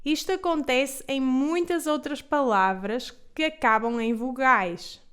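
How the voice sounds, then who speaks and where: European portuguese lady teaching pronunciation, takes it real slow, spells out every sound. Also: high-pitched, fairly bright tone, clean tone. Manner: slow, carefully enunciated model words for repetition. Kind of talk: pronunciation lesson.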